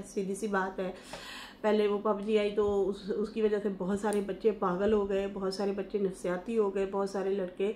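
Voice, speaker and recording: A woman talks through celebrity gossip in a loose, chatty way, stopping on fillers and restarting her words. Her voice sits at a middle pitch for a woman. The room around her gives the sound a roomy echo. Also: slight background noise. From Pakistan. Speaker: YouTube commentator. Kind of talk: casual reaction commentary.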